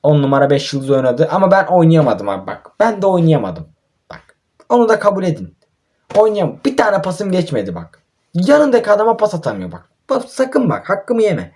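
Young man, gameplay YouTuber, slightly high voice, fed up and grumbling at his players. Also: huge pitch swings, brisk, a little mellow. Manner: exasperated, ranting and swearing at his own team. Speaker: mobile football gamer and YouTuber. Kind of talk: gameplay commentary.

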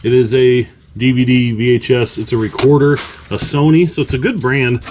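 An American man from the United States, a reseller and vlog host, chats casually about his haul in a cluttered indoor workroom. His mid-range voice is steady and a little mellow at normal speed. The room is noisy, with items clinking as he handles them.

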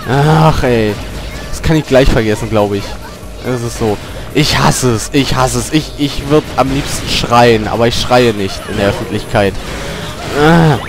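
A man commenting on his own gameplay, grumbling and cursing at the game, with loud yelps and outbursts whenever he gets hit. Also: medium pitch. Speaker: let's player. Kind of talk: gaming commentary.

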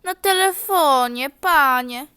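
A high, indignant elderly lady bristles at every question in this comedy skit, as a woman puts her on. She stalls with slow, drawn-out protests and plays the wronged passenger. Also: fairly bright tone, full character voice. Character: fussy elderly woman passenger without a ticket.

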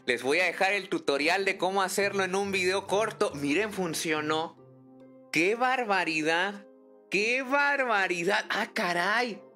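A man streaming a game live, chatty and excitable, thinking aloud and greeting viewers in the chat by name. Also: high voice, measured pace, faint music behind. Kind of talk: casual live-stream chat while gaming.

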